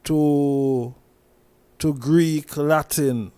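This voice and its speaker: A man with a Jamaican accent, talking through a casual commentary monologue as host, slowly, with many restarts and repeated words. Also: fairly high pitch, steady tone, dark tone, clear, resonant tone, no echo. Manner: slow, repetitive, with many restarts and "you see me?".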